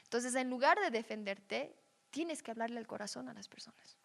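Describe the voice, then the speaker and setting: A woman's voice: on the high side, animated, normal speed, vocal fry, fairly bright tone, in a large hall. A woman giving a teaching session on dreams. She speaks conversationally and often checks in with her listeners. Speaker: Bible teacher.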